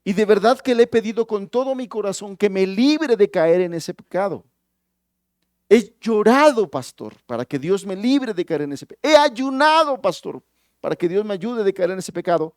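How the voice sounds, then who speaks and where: A man's voice: high voice, expressive, normal speed, darkish tone, no echo, studio quality, voice pushed up. A man voicing an agitated young married man who pleads that God has not helped him. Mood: upset pleading. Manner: agitated and pleading, then evasive.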